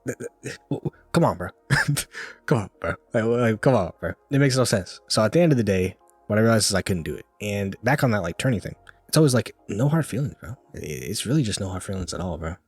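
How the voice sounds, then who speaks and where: A man's voice: lowish voice, animated, breathy edge, no room sound. A young man telling a story in a casual rant, full of "like" and "bro". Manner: talks fast, peppers speech with "like" and "bro". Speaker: vlogger.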